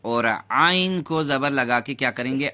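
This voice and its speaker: A man's voice: medium pitch, pushed and bright. Patient man teaching recitation sounds. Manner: patient, drawn-out demonstration of sounds. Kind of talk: tajweed lesson with repeat-after-me drills.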